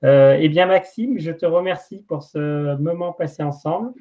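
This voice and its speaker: A man's voice: a little high, normal speed, dark tone. A man hosting a podcast interview, talking enthusiastically with small restarts and fillers. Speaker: podcast host. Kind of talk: casual interview chat.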